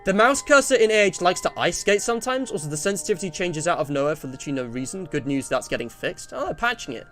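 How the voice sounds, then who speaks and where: Faint music plays behind a twenty-year-old Englishman whose high, sing-song voice is fairly bright and races along with few pauses. On a casual livestream he reads survey results and viewer messages, rambling and interrupting himself often.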